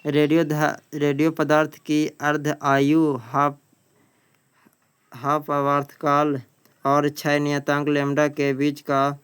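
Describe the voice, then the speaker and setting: Slowly and with completely flat delivery, a male exam-coaching teacher reads out quiz questions and their answers. His strikingly clean, smooth voice is pitched a little high and a bit bright, with very little melody. He's plain-spoken and often says a phrase twice.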